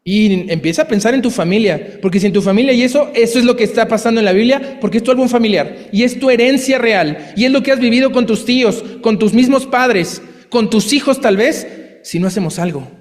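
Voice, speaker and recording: A man preaching a sermon in a lively, chatty way, with asides and acted quotes. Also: extremely high pitch, brisk, in a large hall. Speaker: pastor.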